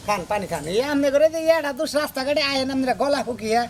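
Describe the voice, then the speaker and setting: A woman's voice: high voice, quick pace, a little hiss or hum, natural voice. A woman playing an outspoken village sister-in-law in a rustic comedy, scolding and lecturing. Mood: bossy. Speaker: sister-in-law arranging song lessons.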